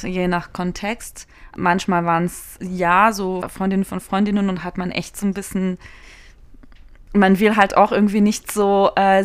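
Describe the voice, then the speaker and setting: Low, smooth-voiced woman thinking aloud. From Berlin. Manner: thinks aloud with many fillers and hedges. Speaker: activist guest. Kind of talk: casual conversational interview.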